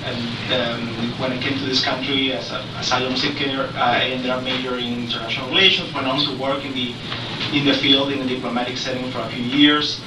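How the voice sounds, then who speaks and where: A middle-aged man from Peru with a Peruvian Spanish accent, speaking unscripted as a panelist with many pauses and restarts. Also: medium pitch, fairly even intonation. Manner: hesitant, many fillers and restarts. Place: large conference room at a panel table. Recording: echoey room, distant mic, noisy.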